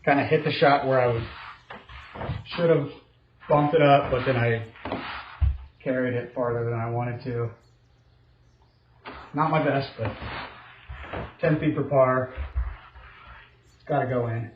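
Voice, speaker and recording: A middle-aged man talks through his own golf shots like a casual commentator, low-key and hard on himself. His medium-pitched voice sits in a roomy indoor echo, a little dull, with faint noise behind it. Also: steady tone, a little slow, long pauses. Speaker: golfer narrating his own simulator round. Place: indoor home golf simulator room.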